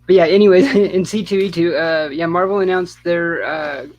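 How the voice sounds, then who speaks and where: A man's voice: high-pitched, normal speed, a little mellow. A man co-hosting a casual comic book podcast, talking in a rambling, hesitant way. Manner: rambling, hesitant, full of fillers. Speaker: podcast co-host. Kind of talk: casual chat.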